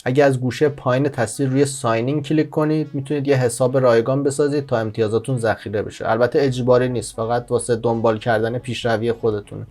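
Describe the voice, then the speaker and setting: A man's voice: medium pitch, steady tone, hardly any pauses, a little mellow. Man hosting a language-learning tutorial. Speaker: language-learning channel host. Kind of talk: screen-recorded tutorial voice-over.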